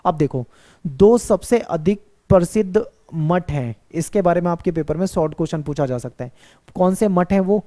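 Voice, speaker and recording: A man's voice: high voice, animated, moderate pace, mellow. A male teacher giving an exam-focused history lecture, who asks questions, answers them himself and repeats key points.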